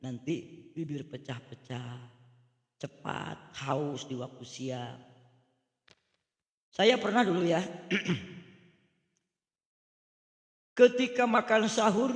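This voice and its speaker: A hoarse man, giving emphatic religious advice and often tagging his sentences with "ya.". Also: a little high. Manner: emphatic, with frequent "ya" tags. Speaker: preacher. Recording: long echoing reverb.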